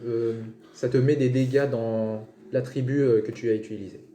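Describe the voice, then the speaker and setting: Man, tabletop game master, very warm muted tone, hesitant improvised descriptions, roomy recording with faint noise. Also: mid-range voice, fairly even intonation, moderate pace. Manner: hesitant, searching for words.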